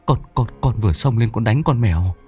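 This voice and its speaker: A man's voice: lowish voice, animated, brisk, darkish tone, soft background music, natural voice. A man voicing a frightened young adult son who stammers.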